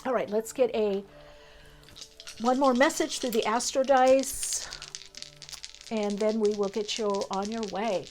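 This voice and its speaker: A woman's voice: on the high side, measured pace, pauses often, darkish tone, faint music behind. A woman reading tarot for her viewers, talking in a flowing, spiritual way with fillers and long trailing lists. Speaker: tarot reader.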